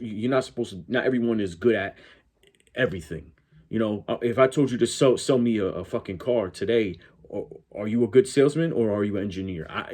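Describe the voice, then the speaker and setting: With a medium-pitched, slightly mellow voice, a man from Connecticut, United States, hosts YouTube reactions. He has a southwestern Connecticut accent close to New York's and gives offhand, opinionated remarks, wandering off and stammering as he fixes his words.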